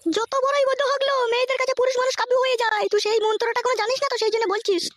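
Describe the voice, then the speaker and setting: A woman's voice: very high-pitched, steady tone, very fast, very noisy. A woman voicing a bossy, crude mother from a village in a cartoon, scolding and giving blunt advice. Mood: advising. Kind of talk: cartoon voice acting.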